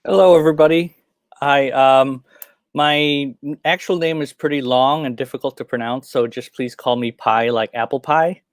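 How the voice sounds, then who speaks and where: Young guy from thailand hosting a panel, smooth voice, lots of ums, dry sound. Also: mid-range voice, fairly even intonation, normal speed, dry recording. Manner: friendly, hesitant with frequent ums. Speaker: panel moderator. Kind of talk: online panel moderation.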